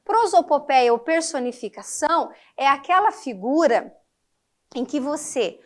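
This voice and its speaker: A high-pitched Brazilian woman teaches a class in a lively, emphatic way. She keeps asking her students whether they follow along. She sounds middle-aged. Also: a little slow. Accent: Brazilian Portuguese. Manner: lively, emphatic, checks in with listeners often. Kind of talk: classroom lecture on figures of speech.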